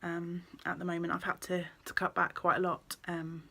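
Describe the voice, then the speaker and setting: A woman, chatting casually about her knitting in a vlog, rambling along with many ums and quick self-corrections. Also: fairly low pitch, monotone, vocal fry, bright, forceful tone. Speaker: knitting vlogger and yarn shop owner.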